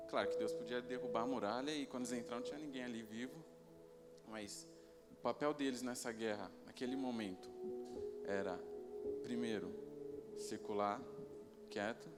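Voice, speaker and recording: A man sharing a calm, reflective sermon, pausing and restarting as he thinks. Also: medium pitch, big-room sound, over loud music. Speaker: lay preacher.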